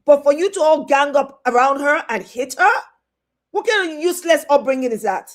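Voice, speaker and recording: A middle-aged woman with a British accent talks in a fairly high voice. She delivers a heated, indignant commentary rant. She scolds and repeats her points over and over for emphasis. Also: lively intonation, normal speed. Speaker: host.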